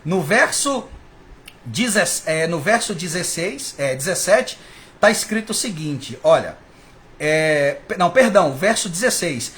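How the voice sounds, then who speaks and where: High, animated preacher. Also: male voice, a little slow, slight background noise. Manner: fervent, rising and falling, addresses listeners as brothers. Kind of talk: sermon.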